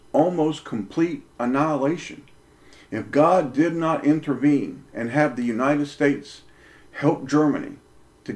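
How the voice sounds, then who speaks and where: A man preaching straight to his listeners in an emphatic monologue. He leans on rhetorical questions and hammers points home with short repeated lines. His voice sits at an ordinary middle pitch for a man. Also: darkish tone. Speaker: religious commentator.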